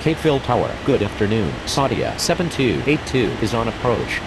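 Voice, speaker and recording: A man's voice: medium pitch, very animated, moderate pace. A man speaking as an airline pilot over a cockpit headset radio, using clipped radio phraseology. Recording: distant radio with loud hiss.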